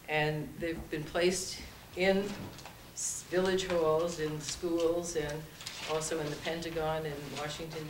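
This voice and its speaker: A woman making a prepared public comment to a village board. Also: low voice. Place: indoor village hall meeting room. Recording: echoey, distant mic with clear background noise.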